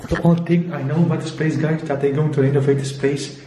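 A man's voice: fairly high pitch, fairly even intonation, quick pace. A young man from Belgium with a Belgian Dutch accent, vlogging casually to his fans in informal, exclamatory English on a handheld camera. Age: young adult. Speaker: urban exploration vlogger. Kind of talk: casual vlog commentary to fans. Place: empty rooms of an abandoned house at night. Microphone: handheld camera at arm's length. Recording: echoey empty rooms, faint noise.

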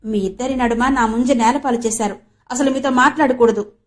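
A spirited, headstrong young woman with a lively, playful way of talking, read by a woman narrator. Her voice sits a little high. She belongs to a storybook audiobook. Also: fairly quick, lightly acted.

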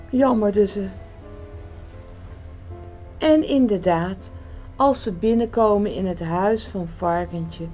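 A woman reading a children's picture book aloud, gentle and expressive. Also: medium pitch. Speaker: storyteller.

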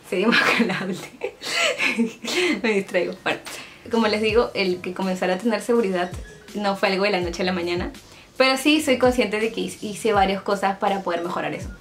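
A young woman with a Peruvian accent speaks in a casual, confessional vlog from her bedroom at home. She keeps up a chatty, confiding tone with joking asides as she paints her nails. Her pitch is average for a woman, and faint music plays underneath. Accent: Peruvian Spanish. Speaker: vlogger.

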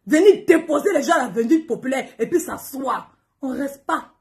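Faint music plays behind a woman with a high, slightly mellow voice, lively intonation, and a moderate pace. A social media personality, she rants angrily at the camera, scolding and confronting her followers and often repeating herself.

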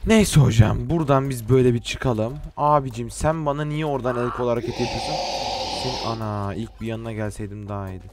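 A teenage man from Turkey giving casual, joking gameplay commentary, talking to game characters and swinging from quiet mutters to sudden shouts. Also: medium pitch, fast talker, music in the background. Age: late teens. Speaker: gaming YouTuber.

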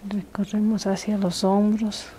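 A young woman narrating an ASMR massage in a hushed, intimate, soothing voice that is close to a whisper. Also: medium pitch, level tone, unhurried, slight background noise. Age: young adult. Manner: hushed, intimate, soothing soft-spoken delivery, dropping into whispers. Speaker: massage practitioner. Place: small living room, indoors.

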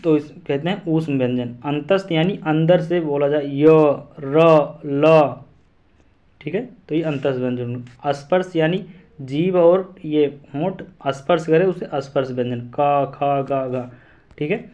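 A man's voice: on the high side, unhurried, darkish tone, muffled recording. A man teaching an exam-prep lesson, repeating syllables and memory rhymes aloud to drill them in.

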